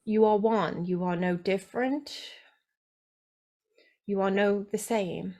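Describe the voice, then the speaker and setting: A serene ascended male spirit speaks through a woman channeling him in a slow, measured, tender cadence. The pitch sits in a plain middle register. He gently repeats his phrases as a channeled spiritual message. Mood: tender, solemn.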